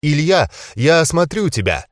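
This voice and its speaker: A man's voice: a little high, sing-song, normal speed, dry recording, clean studio sound, voice pushed up. A man voicing a caring young werewolf healer. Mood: eager. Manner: gentle but insistent. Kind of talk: audiobook character voice.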